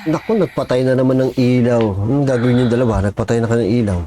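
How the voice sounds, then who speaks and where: A man's voice: medium pitch, fast talker, mellow, slight background noise. A man giving casual reaction commentary on a video, chatting to viewers and cursing when startled. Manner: jumpy, exclaims and curses when startled.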